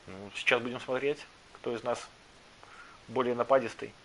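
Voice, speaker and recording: A man's voice: medium pitch, flat delivery, moderate pace, a little hiss or hum, low-quality recording. A man talking casually as he plays a game and comments on his matches, with music behind him. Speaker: gamer commenting on own matches. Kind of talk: casual gaming chat. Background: fighting game music.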